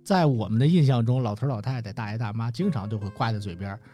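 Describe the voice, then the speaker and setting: A man with a Beijing accent telling stories in casual conversation, explaining things deliberately and pausing to find words. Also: mid-range voice, dark tone, soft background music. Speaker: guest storyteller. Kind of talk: casual storytelling chat.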